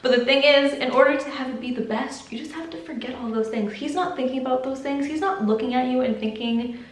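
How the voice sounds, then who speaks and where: Answering her viewers' questions, this young adult vlogger talks fast in a high voice, candid and conversational, leaning heavily on "like." The recording carries a roomy echo plus a slight hiss or hum.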